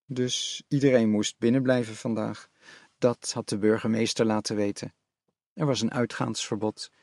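A man narrating an audiobook in a measured storytelling manner. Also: on the low side, steady tone, a little mellow, no room sound.

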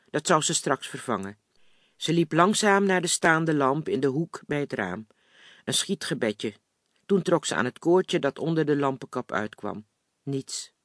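A man calmly reading a novel chapter aloud in a measured audiobook style. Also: a little high, dry recording, studio quality. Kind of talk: audiobook narration.

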